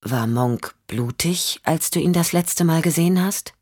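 A woman voicing a calm male investigator who questions gently and patiently, for an audiobook. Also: low voice, unhurried, dry recording, clean studio sound.

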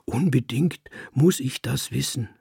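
A man reading aloud voices a naive young tomcat brother who asks earnest, eager questions, in a gravelly, husky voice. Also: medium pitch, measured pace, mellow, no room sound, clean studio sound, full character voice.

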